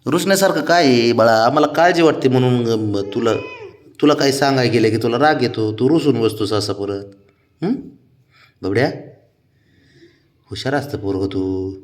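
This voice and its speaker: Cat owner, male, mid-pitched, sweet-talking his pet in soft pleading tones with high swoops. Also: normal speed, long pauses. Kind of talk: coaxing baby talk to a pet.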